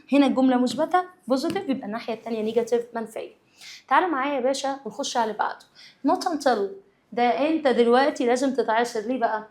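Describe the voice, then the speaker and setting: An Egyptian woman teacher leads a lively exam review. Her voice sits high and her speech moves quickly. She talks straight to her students and drops English grammar terms into her explanations. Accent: Egyptian Arabic.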